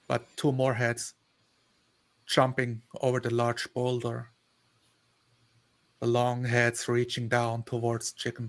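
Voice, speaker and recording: Slow-paced male game master, fairly even. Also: medium pitch. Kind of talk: tabletop game narration.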